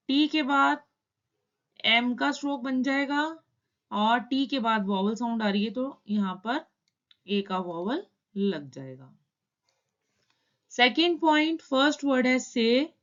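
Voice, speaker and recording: Woman, shorthand teacher, slow methodical explanation, fairly high voice, dull lo-fi recording. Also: animated, a bit bright. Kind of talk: step-by-step tutorial.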